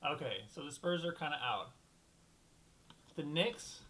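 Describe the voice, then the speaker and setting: Rambling, slightly high-voiced young man. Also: expressive, unhurried, bright, forceful tone, slight background noise, low-quality recording. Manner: rambling, thinks aloud, restarts often; blunt, swears casually. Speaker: host of a solo basketball talk show. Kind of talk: casual solo commentary.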